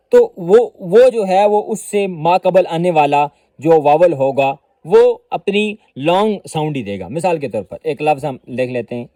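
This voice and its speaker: A man teaching an English pronunciation lesson, patiently explaining and slowly repeating example words. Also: a little high, dark tone, no echo.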